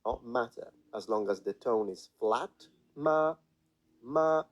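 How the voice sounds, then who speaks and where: A man's voice: fairly low pitch, fairly even intonation, measured pace, darkish tone, dull audio. A man teaching pronunciation in a played video, demonstrating sounds and confidently dismissing what he calls nonsense. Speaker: language teacher. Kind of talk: explanatory lesson in a played video.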